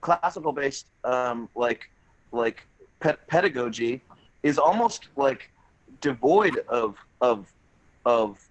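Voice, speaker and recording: A man's voice: medium pitch, lively intonation, slow pace. A man who is a guest musician, speaking over a video call, often restarting and searching for words. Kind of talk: casual interview chat. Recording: muffled, choppy video call audio.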